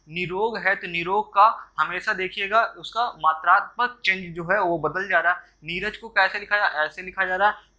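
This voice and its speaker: Guy running a spelling lesson, kinda high voice, super bright tone, goes word by word. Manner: walks through words one by one, with fillers and restarts. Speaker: Hindi teacher. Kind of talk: exam-prep spelling lesson.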